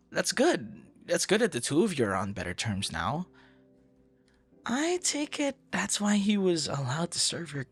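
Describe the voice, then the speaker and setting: In an intimate boyfriend audio roleplay, a man plays a friendly, flustered young romantic with a medium-pitched, exaggerated voice. He speaks hesitantly and rambles conversationally, adding soft, breathy asides.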